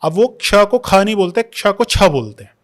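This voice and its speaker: A man's voice: sits high, very animated, moderate pace. Explaining man, raised voice. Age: young adult. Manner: explains at length, mixing English terms into Hindi. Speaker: history scholar guest. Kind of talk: explanatory podcast conversation.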